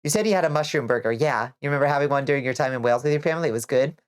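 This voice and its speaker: Very low-pitched congested woman streamer. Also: rapid-fire. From Georgia, US. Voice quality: nasal, congested. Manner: chatty, rambling, swears casually, laughs. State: stuffy nose. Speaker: vtuber streamer. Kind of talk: casual chat while gaming, reading chat.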